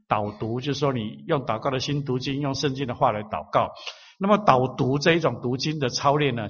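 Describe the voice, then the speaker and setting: A man preaching a sermon, teaching slowly and repeating phrases for emphasis. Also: mid-range voice, fairly bright tone, husky, lo-fi sound. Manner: slow, emphatic repetition of phrases.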